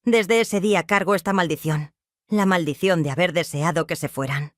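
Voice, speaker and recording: A woman's voice: on the low side, moderate pace, no echo, clean studio sound, lightly acted. A woman reading the lines of a grief-stricken widowed mother, confessing in a trembling, sobbing voice. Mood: anguished.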